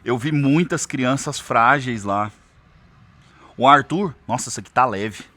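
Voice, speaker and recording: Forceful Brazilian man giving advice. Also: mid-range voice, measured pace. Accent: Brazilian Portuguese. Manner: forceful, direct, addresses parents head-on. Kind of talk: emphatic advice talk.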